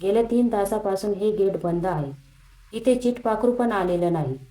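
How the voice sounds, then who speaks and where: A woman's voice: mid-range voice, normal speed, dark tone, roomy sound, lightly acted, poor audio. A woman voicing a sleepy, blunt male security guard who is incredulous.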